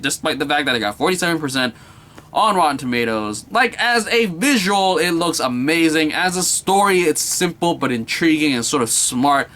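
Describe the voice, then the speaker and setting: A man's voice: fairly high pitch, bright, forceful tone. A young man giving a casual, enthusiastic movie review, rambling and repeating himself with many filler words.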